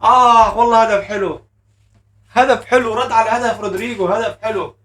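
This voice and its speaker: A man hosting a live football match reaction, shouting and chanting at the goals. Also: high-pitched, fairly even intonation, fairly quick, distant mic. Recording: echoey room, voice a bit off mic.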